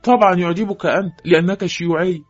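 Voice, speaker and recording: A woman's voice: on the low side, steady tone, quick pace, natural voice. Woman doing a blunt young officer. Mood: firm. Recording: dull lo-fi with faint music.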